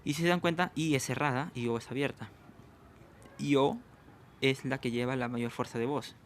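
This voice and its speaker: A man talks through a lesson in a patient, explanatory way, pausing to ask his students whether they follow. His voice sits at an ordinary middle pitch. A faint background hiss is heard under the recording. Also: steady tone. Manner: explanatory, checks understanding with frequent questions. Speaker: teacher. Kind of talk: online language lesson.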